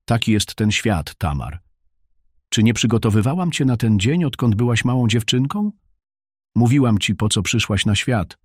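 Low-voiced man reading a severe, commanding mother from ancient times, dry sound. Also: expressive, normal speed, darkish tone, dry recording. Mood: firm. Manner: stern, commanding. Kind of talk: audiobook reading.

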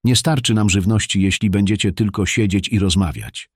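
Brief: man doing an irate, scornful older father, raised deep voice, dry storybook read. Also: normal speed, breathy edge, no echo. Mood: angry scornful. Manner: scornful, shouting.

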